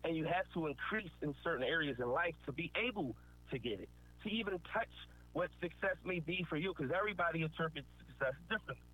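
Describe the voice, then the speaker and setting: A motivational speaker talks fast in a fairly high, animated voice, earnest and preachy, repeating his points for emphasis. The line sounds tinny and phone-like, with faint noise.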